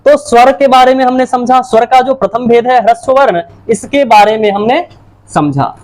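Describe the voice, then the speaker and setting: A woman's voice: fairly high pitch, normal speed, darkish tone. A woman teacher giving a lecture, asking her own questions and answering them, and repeating each key point. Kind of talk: classroom-style lecture.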